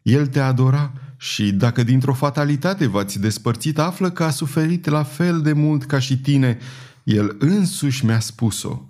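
A man's voice: medium pitch, darkish tone, voice pushed up, lightly acted. A man voicing a scheming, commanding noblewoman who persuades with insistence and authority in an audiobook reading. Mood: insistent.

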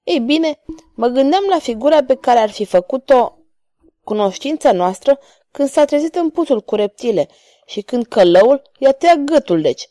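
A woman voicing a scheming, treacherous male villain who spits and shouts his lines. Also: sits high, animated, dry recording, studio quality, voice pushed up. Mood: gloating. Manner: spiteful and shouting.

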